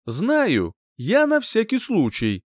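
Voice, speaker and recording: A man's voice: sits high, huge pitch swings, slow, dry recording, pitched above the performer's own voice, exaggerated voice. A man voicing a cheerful, cocky young knight who teases with a grin, in a dry audiobook reading. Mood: teasing. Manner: teasing, playful grin in the voice.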